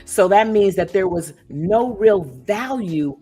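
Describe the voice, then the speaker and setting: A woman's voice: mid-range voice, lively intonation, takes it slowly, mellow, husky, soft background music. A woman hosting a talk show and discussing as an author, in an emphatic, storytelling way with frequent asides. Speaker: podcast host and author. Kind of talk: casual discussion.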